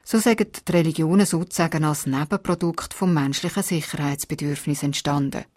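A woman, reading a scripted radio feature in a calm, explanatory way. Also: deep voice, fairly quick, no room sound, studio quality. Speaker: radio reporter.

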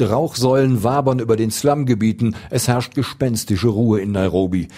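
Male correspondent, mellow tone, measured news read, steady and serious. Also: medium pitch. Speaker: foreign correspondent. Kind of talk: radio news report.

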